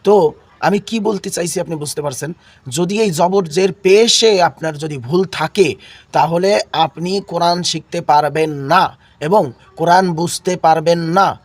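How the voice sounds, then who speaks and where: A man's voice: fairly high pitch, measured pace. Unwell male Quran teacher drilling sounds. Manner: repeats key words and asks listeners to echo them. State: unwell, coughing. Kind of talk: classroom lesson with call and response.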